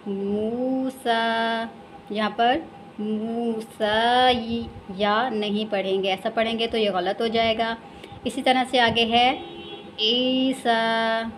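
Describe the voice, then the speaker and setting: A woman with an Urdu accent teaching Quran recitation in a lesson, explaining patiently and repeating each word slowly and drawn out. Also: fairly high pitch, a little hiss or hum. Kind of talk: slow step-by-step recitation lesson.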